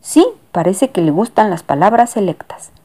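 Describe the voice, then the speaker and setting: A calm, matter-of-fact young storybook passenger who speaks for the cat. A woman acts him out with a lively, animated pitch. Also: normal speed.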